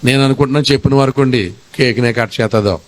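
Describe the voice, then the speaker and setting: A middle-aged man, a pastor, telling his testimony as an animated storyteller. He acts out his prayers and dialogue and slips English phrases into his speech. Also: medium pitch, fast.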